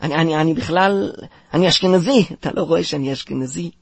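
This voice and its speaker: A man's voice: fairly high pitch, creaky, husky, no echo. An actor playing a hesitant young man in a comedy sketch, stammering and apologetic.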